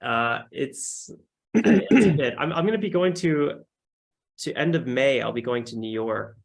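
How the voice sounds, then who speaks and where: A man's voice: medium pitch, a little slow, gravelly. A young man from the United States, co-hosting a podcast in rambling, casual chat with lots of fillers. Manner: rambling, filler-heavy, animated. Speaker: podcast co-host.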